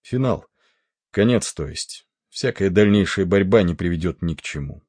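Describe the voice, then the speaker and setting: A calm, steady chief engineer on a ship, as a male reader voices him, speaking evenly and quietly. The voice is deep and husky. It sounds close and dry. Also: normal speed, no room sound. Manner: even, level, quiet.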